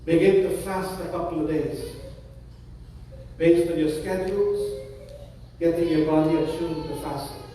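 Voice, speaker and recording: A man's voice: fairly high pitch, steady tone, a little slow, pauses often, dark tone, slight background noise. A man, an imam, giving a Friday sermon in a mosque, talking in a practical, conversational way with frequent restarts. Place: large mosque prayer hall. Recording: echoey hall from far off.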